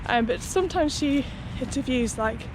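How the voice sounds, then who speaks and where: With a high-pitched voice, lively intonation, and a moderate pace, a young woman who vlogs about running chats casually and tentatively to her viewers. She's outdoors next to a busy city road, and the audio carries passing traffic and street noise.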